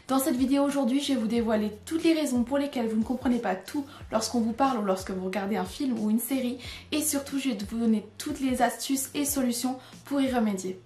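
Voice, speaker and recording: A French-speaking woman giving a clear, explanatory video lesson on English listening and pronunciation, demonstrating English words. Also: a little high, a little mellow. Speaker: English teacher. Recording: echoey room with faint music.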